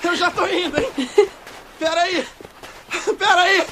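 A male dub actor playing a tipsy young man stumbling along, calling out in slurred, drawn-out words. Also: extremely high pitch, fairly even intonation, background noise. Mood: tipsy, pleading. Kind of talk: film dub acting. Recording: film soundtrack with music behind.

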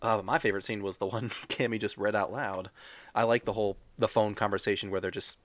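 A man with a fairly low voice in a close, dry recording. He banters casually as a podcast co-host, teasing with a dry delivery. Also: fairly even intonation, a little fast, fairly bright tone, no room sound.

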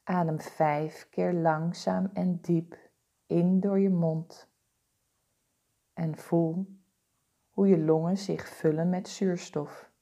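A woman guiding a body-scan meditation with slow, soothing, calm instructions. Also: lowish voice, gravelly. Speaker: meditation guide.

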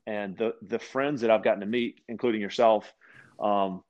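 Low-voiced man telling rambling stories. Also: moderate pace, muffled recording. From Louisiana, USA. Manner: rambling, animated anecdotes with frequent restarts. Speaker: podcast guest. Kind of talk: casual storytelling conversation.

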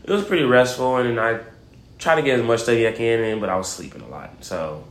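A young adult man from Waco co-hosting a casual student podcast, relaxed with loose, rambling phrasing. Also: medium pitch, quick pace. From Waco, Texas. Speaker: podcast co-host, student community leader. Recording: echoey room.

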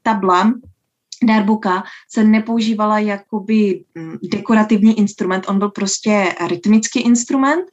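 Dance teacher, woman, mid-pitched, measured and thoughtful, on a dull lo-fi recording. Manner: unhurried, thoughtful, frequent filler sounds. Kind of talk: interview answers. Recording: dull lo-fi sound.

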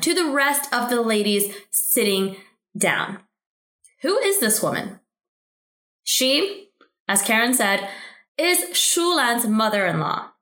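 A woman co-hosting a podcast, recapping a drama in a casual, animated way with incredulous asides. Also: a little high. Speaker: podcast co-host. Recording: roomy echo.

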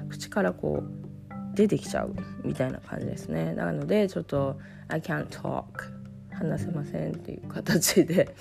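A Japanese woman giving a relaxed English lesson while getting over a cough, with a hoarse voice and lots of fillers. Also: deep voice. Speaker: English teacher. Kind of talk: casual spoken lesson. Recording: guitar music playing behind.

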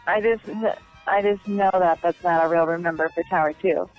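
A woman's voice: lowish voice, fairly even intonation, moderate pace, faint music behind. A woman heard over a phone on speakerphone, answering a call in a curt, dismissive way. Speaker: escort taking a prank call. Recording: muffled speakerphone line.

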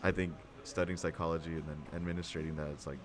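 A man's voice: deep voice, flat delivery, fast. A young man, a podcast guest, chatting casually in a reflective, slangy way. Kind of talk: casual chat. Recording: clearly noisy background.

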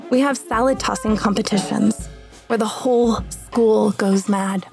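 Woman spoken-word storyteller, unhurried, gravelly, light music behind. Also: mid-range voice, steady tone, a little mellow.

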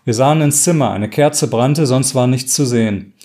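A man voicing a worried middle-aged mother who speaks haltingly, pausing to swallow between sentences. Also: mid-range voice, dark tone, natural voice. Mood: grave.

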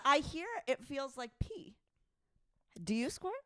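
A woman guesting on a casual podcast chat, excitable and laughing often. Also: sits high, takes it slowly.

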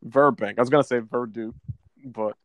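A man's voice: medium pitch, fairly even intonation, moderate pace, a bit bright, no room sound. Podcast dude chatting about his game run, rambly and stumbly, mid voice, dry close mic. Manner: rambling, stumbles and restarts often. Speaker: podcast co-host. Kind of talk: casual chat about a video game.

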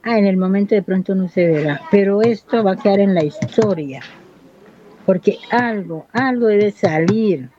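A woman's voice: mid-range voice, normal speed, mellow, lo-fi sound, slight background noise. A woman in her fifties from Buenaventura, Colombia, giving an earnest, impassioned interview about her life and community. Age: 50s. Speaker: local resident. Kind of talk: interview testimony.

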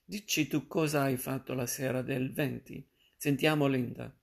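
A man reading the lines of a moody, restless woman in a novel, in his own gravelly voice. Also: mid-range voice, fairly even intonation, normal speed. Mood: teasing.

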